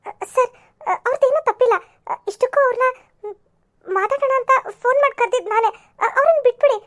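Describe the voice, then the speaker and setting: A woman's voice: extremely high pitch, fast. A woman voicing a stubborn, lovesick young woman in an amateur cartoon serial, pleading and often tearful.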